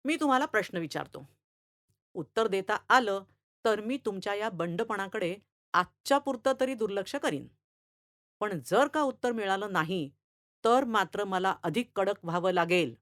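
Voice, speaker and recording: A woman voicing a stern, irritable male schoolteacher who scolds and lectures loudly in a read-aloud story. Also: mid-range voice, expressive, moderate pace, dry recording, studio quality, lightly acted. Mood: lecturing. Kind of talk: storytelling reading.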